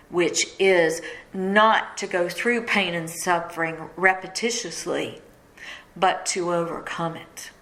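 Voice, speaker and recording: Middle-aged woman tearing up, telling her story to listeners, voice at a normal pitch. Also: a bit bright, rough recording. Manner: emotional, tearful storytelling. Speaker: radio host and speaker. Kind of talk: personal testimony to listeners.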